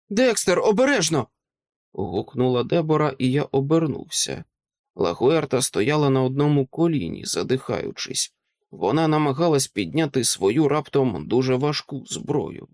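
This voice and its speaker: A man narrating an audiobook with a dramatic, expressive reading. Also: mid-range voice, no room sound, studio quality.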